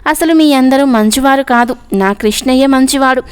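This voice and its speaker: Woman reading as a cheeky pouting young woman, high voice, crisp clear tone, storybook. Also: normal speed, close to an everyday voice. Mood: indignant. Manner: playful, pouting.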